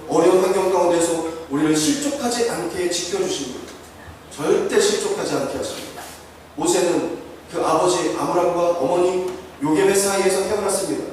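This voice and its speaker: A man's voice: high voice, distant mic, slight background noise. A male pastor preaching a sermon with fervent, rising emphasis in a church sanctuary. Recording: echoey church hall, voice from afar.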